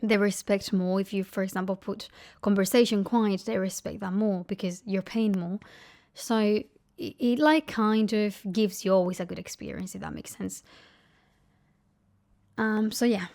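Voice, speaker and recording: Young female vlogger, animated storyteller who whispers asides. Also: normal speed. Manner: animated, acts out quotes with big pitch jumps. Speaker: lifestyle vlogger. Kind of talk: casual storytelling to camera.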